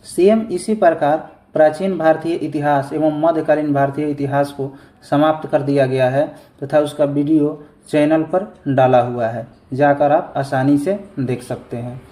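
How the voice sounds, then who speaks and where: Man teaching exam revision, slightly high. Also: fairly even intonation, a little slow, dark tone, reverberant. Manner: reads each question, then repeats every answer twice.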